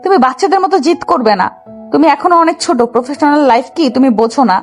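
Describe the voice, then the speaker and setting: Actress playing a firm, high-voiced older wife over soft music. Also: female voice, animated, fast. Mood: scolding. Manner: firm, scolding. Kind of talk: audio drama acting.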